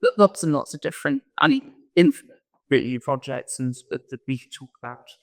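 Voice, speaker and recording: A woman with a rumbling low, animated voice, speaking a little fast, tells stories as a guest speaker at a conference. Her informal talk rambles and keeps cutting itself off, echoing with long reverb through a large event hall.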